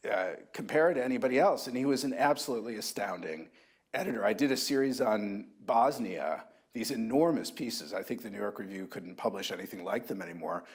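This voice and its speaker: A man in his sixties, an author at a university book talk, reminiscing thoughtfully with halting restarts. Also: fairly low pitch, slightly rough. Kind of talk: reflective anecdotal talk.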